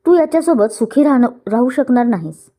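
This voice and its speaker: A woman's voice: on the high side, expressive, brisk, dark tone, voice pushed up. A woman voicing a young man who is a mocking, sarcastic rival in a storybook reading. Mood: taunting. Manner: sarcastic, taunting.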